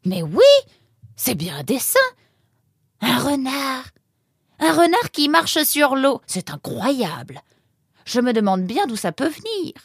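A woman voicing a fussy, excitable female animal who keeps a mill, exclaiming in a high voice. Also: measured pace, slightly rough, no room sound, clean studio sound, exaggerated voice. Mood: amazed. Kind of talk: storybook character voice.

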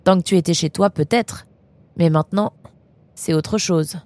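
A woman's voice: on the low side, normal speed, a little mellow, no echo, close to an everyday voice. A woman voicing a cheerful, teasing young male animal traveler in a storybook reading, talking playfully and chattily.

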